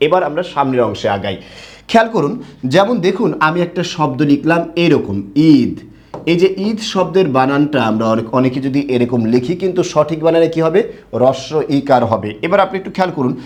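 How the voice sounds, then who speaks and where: Rather high-voiced man teaching Bengali. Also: a little mellow. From Bangladesh. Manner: asks the class questions and answers them himself; spells words out slowly letter by letter. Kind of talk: online pronunciation lesson.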